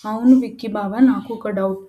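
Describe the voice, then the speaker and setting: A woman's voice: medium pitch, fairly even intonation, a little fast, muffled recording, close to an everyday voice. A woman voicing a feisty young bride-to-be. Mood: curious. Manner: scolding, sharp-tongued.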